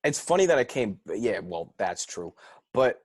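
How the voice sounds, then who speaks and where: A man's voice: medium pitch, sing-song, moderate pace, darkish tone, dry recording, studio quality. A young man with a Southern US accent, a comedian chatting casually as a guest on a podcast recorded over a video call, rambling and laid-back. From Georgia.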